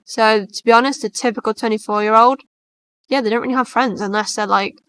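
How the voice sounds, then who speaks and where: A woman's voice: fairly high pitch, steady tone, brisk, fairly bright tone, clear, resonant tone. A woman, co-hosting a stream in casual, blunt chat and reading posts aloud. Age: 20s. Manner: chatty, blunt, swears casually. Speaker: stream co-host.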